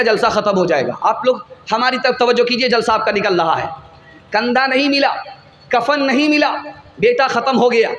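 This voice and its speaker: A man preaching a religious sermon to a large gathering, driving points home with repeated phrases and shouted stresses. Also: very high voice, echoey room, big-room sound, a little hiss or hum. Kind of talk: Islamic sermon with stories and sung verse.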